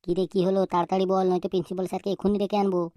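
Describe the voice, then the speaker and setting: A woman voicing a stern male schoolteacher in a cartoon, talking quickly as he interrogates and threatens his pupils. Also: mid-range voice, little pitch movement, dark tone, no room sound, studio quality, natural voice. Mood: scolding. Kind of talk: cartoon voice acting.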